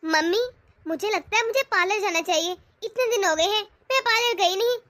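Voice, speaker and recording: An earnest young widowed daughter-in-law in a cartoon, voiced by a woman. She talks in a pleading way in a very high voice. The sound is close and dry. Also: fairly quick, fairly bright tone, no room sound. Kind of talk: cartoon voice acting.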